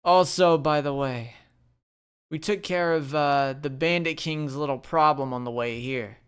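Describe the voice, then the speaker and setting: A man's voice: fairly high pitch, unhurried, clear, resonant tone, natural voice. A man playing a proud male team captain who announces his team's feats.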